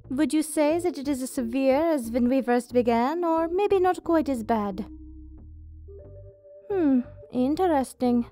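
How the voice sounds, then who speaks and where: A woman's voice: high-pitched, a little mellow. A woman playing a doting witch healer in an ASMR roleplay, speaking soothingly and carefully in formal medical phrases. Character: witch healer, doting, clinical, gently possessive of her little monsters. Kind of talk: ASMR roleplay, soft scripted character acting. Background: music.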